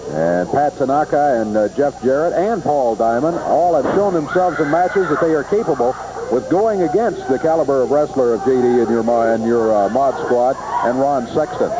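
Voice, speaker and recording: A man's voice: mid-range voice, expressive, moderate pace. A man calling a wrestling match live as play-by-play announcer. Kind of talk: live sports commentary. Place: at ringside in a TV studio. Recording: noisy 1980s TV wrestling broadcast. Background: loud arena noise.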